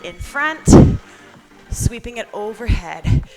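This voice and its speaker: A woman's voice: on the high side, very animated, slow pace, faint music behind. A woman leading a workout as instructor, encouraging and counting down cues while exercising along. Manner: exerting herself while talking, exercising along.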